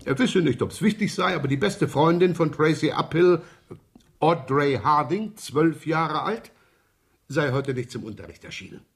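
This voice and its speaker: An actor playing a wry, slightly scatterbrained police inspector in a radio crime drama, chatty and ironic. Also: male voice, fairly high pitch, animated, normal speed. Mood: businesslike. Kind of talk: 1970s German radio crime drama acting.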